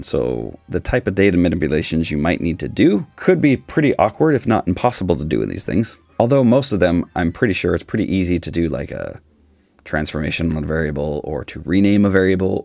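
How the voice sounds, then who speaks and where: A man in his forties with a raspy voice, giving a casual, opinionated explainer with dry humour. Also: low voice, a little mellow, no room sound. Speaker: video host, statistics teacher. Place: small dim indoor room, seated.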